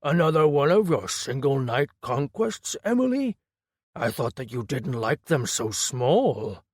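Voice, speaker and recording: A man voicing a huge, horned male giant who talks slowly and mockingly in an audiobook. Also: very animated, no room sound, studio quality. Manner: booming, mocking, slow. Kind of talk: audiobook character voice.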